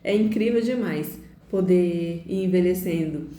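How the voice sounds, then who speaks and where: Mellow-voiced middle-aged woman, echoey room. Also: fairly low pitch. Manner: warm, unhurried, with soft laughs and tag questions. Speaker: host. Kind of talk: reflective monologue to camera.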